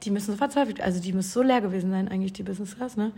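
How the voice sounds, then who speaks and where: A young woman in casual chat, telling a story with animated quoted voices and frequent laughter. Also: mid-range voice, rapid-fire.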